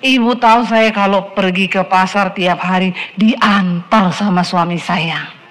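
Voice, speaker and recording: A middle-aged woman pastor preaching a sermon, telling a story lively and with teasing asides. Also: medium pitch, measured pace.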